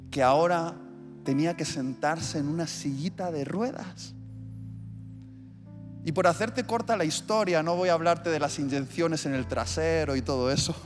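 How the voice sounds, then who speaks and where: A pastor with a somewhat high male voice delivers a sermon full of vivid stories and acted-out scenes. The hall is reverberant, with a long reverb tail and soft music underneath.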